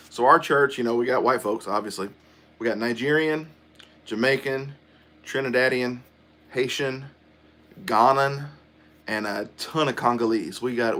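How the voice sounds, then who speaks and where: A man's voice: medium pitch, fairly bright tone. A middle-aged man, chatting casually on a livestream and answering viewer comments aloud. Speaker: livestream host.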